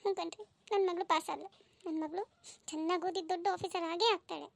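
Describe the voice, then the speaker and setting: A woman voicing a devoted village mother of two in a family cartoon story, in a gentle, homely way. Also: very high voice, steady tone, fast talker, creaky.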